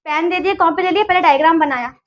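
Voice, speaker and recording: Young female guest, very high-pitched, earnest halting delivery, dull lo-fi recording. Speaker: guest, junior civil engineer. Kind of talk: casual interview talk.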